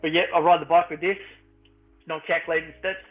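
Casting: Australian male, blokey tradie manner, higher-set voice, casual chat over muffled narrow-band audio. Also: flat delivery, quick pace, faint music behind.

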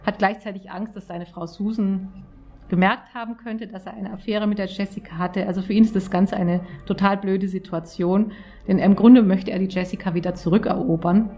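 A woman telling and reading a story aloud with an expressive, lively delivery. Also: mid-range voice, normal speed, faint music behind. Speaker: audiobook reader. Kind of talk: storytelling narration.

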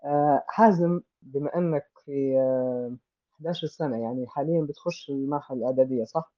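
A man with a Libyan Arabic accent, hosting a casual interview and gently drawing answers out of young guests. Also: medium pitch, fast talker, dry recording, muffled recording.

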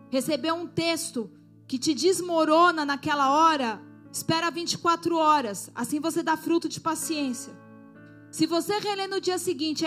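Female preacher, high pitch, urgent exhorting sermon delivery over faint music. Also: a bit bright. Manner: exhorting, asks the congregation to respond. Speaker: pastor.

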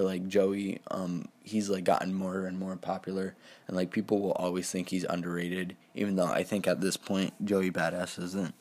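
A man's voice: sits low, darkish tone. An eighteen-year-old man talking casually on his own, rambling with lots of fillers and restarts. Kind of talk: casual solo talk.

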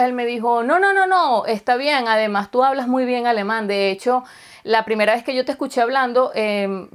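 A Venezuelan woman in casual chat, telling a story and acting out the dialogue. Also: a little high. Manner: chatty storyteller, acts out dialogue.

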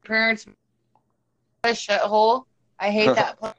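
A woman from South Dakota chatting casually, animated and quick to laugh. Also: a little high, dull audio. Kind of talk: casual chat.

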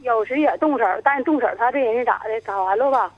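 A woman, calling in to a radio show and talking in a halting, rambling way. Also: fairly high pitch, no room sound. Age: 50s. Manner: halting, rambling, stumbles over words. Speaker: caller. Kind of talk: radio call-in, telling her troubles. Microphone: telephone. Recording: tinny dry phone line.

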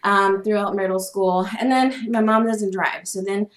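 Joining a casual podcast interview remotely by laptop, a young pregnant woman from the United States, eight months along, sounds a bit breathless and modest, often restarting and using fillers. Her voice is medium-pitched, steady, and moderately paced, in an echoey room with slight hiss or hum.

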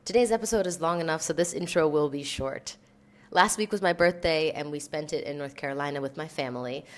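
Relaxed low-voiced woman podcast host. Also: normal speed. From Maryland, USA. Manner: relaxed, chatty, mixing English into Spanish. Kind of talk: bilingual casual chat.

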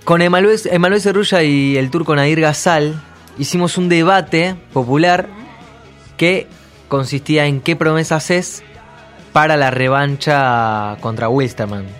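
A man with an Argentine accent, a radio host telling anecdotes in an animated casual chat in the studio. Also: a little high, measured pace. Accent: Argentine Spanish. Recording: radio studio with faint music.

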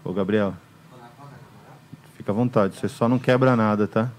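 A man from the show's crew, chatting casually in a relaxed, offhand way. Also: on the low side, moderate pace, rough recording. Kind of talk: casual chat.

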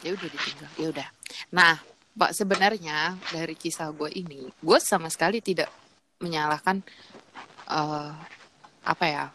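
Lower-voiced woman telling a story. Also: normal speed, long pauses, slight background noise. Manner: animated, laughing, rambling story with filler words. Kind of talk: casual storytelling chat.

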